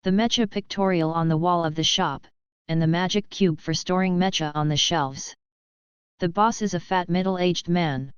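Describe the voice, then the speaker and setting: Woman reading an audiobook, steady, low smooth voice, dull dry sound. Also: dry recording. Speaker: audiobook narrator. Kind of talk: scripted narration.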